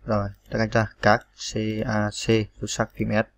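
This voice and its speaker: A computer tutorial instructor walks through typing step by step in a screen tutorial, patiently spelling out every key and using plenty of fillers. His voice is lowish and monotone at normal speed.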